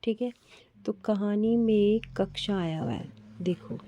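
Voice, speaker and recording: A woman teacher walks children through a worksheet at an unhurried pace, sounding out each word and repeating it. Her voice is dark and mellow. The recording sounds a little dull and lo-fi. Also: medium pitch, no room sound. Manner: slow, patient, spells out sounds and repeats words. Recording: slightly dull, lo-fi audio.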